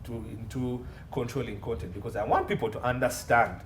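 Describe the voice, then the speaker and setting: Speaking fairly quickly in a mid-range voice, this Ugandan legal consultant on entertainment and media law makes emphatic points in list form while guesting on an interview. Faint noise and a roomy echo sit under the audio.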